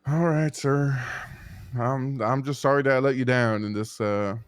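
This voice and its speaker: Brief: a man as a fumbling roleplay cop, smooth clear voice, dry sound. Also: mid-range voice, steady tone, no room sound. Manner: halting, apologetic, many restarts. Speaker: roleplay police officer. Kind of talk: in-character roleplay banter.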